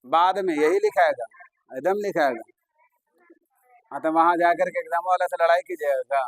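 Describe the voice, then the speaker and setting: A man's voice: a little high, moderate pace, no echo. A man teaching an Urdu vocabulary class, chatty and coaxing, often praising his students. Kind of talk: classroom lesson.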